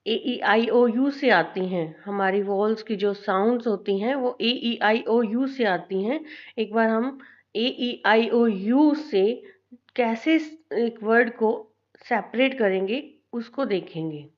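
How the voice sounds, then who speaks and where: A woman with an Indian accent teaching an English lesson, speaking slowly and deliberately, spelling out letters and repeating things for her students. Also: fairly high pitch, highs cut off. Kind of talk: classroom lesson mixing Hindi and English.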